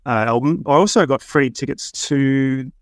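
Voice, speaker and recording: An Australian man from Melbourne, a guest relaxed in a casual chat, using fillers as he tells stories. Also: medium pitch, normal speed, no echo, studio quality. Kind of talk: casual storytelling.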